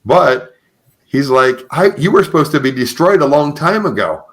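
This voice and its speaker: Very animated and fairly high-pitched, this male podcast host speaks at normal speed with a fairly bright tone. His conversational interview carries religious encouragement, full of affirmations and phrases repeated for emphasis.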